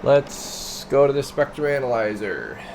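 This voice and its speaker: A radio technician's mid-range, creaky voice carries unhurriedly through an unscripted CB radio demonstration. He mutters and thinks aloud as he goes, keeping it casual, while equipment hums steadily in the noisy space.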